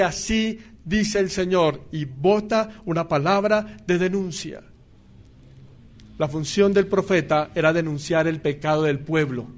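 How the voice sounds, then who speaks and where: Man, preacher, sermon, high voice, emphatic, loud then hushed. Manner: emphatic, swings from loud declarations to quiet asides.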